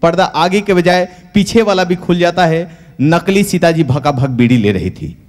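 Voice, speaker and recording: A man's voice: high-pitched, normal speed, a little mellow. A man telling a comic story on stage, talking straight to the audience. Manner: conversational, addressing audience directly. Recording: stage recording with long hall reverb.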